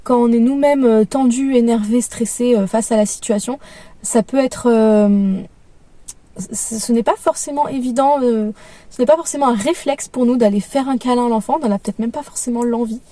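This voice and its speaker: Gentle, hesitant young mother, mellow voice. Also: on the high side, normal speed, no room sound, far from the mic. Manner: calm, gentle, many hesitations. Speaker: parenting vlogger. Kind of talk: casual advice talk.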